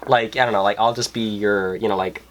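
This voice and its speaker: A man's voice: fairly low pitch, steady tone, brisk, fairly bright tone. A young man co-hosting a casual podcast, telling a story in a rambling way, packed with fillers and self-mocking asides. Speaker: podcast co-host. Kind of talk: casual chat.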